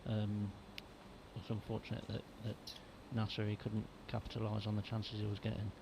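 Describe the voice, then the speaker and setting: A man's voice: lowish voice, completely flat delivery, moderate pace, creaky, background noise. A man giving conversational, slightly hesitant snooker analysis as a co-commentator. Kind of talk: informal live snooker analysis.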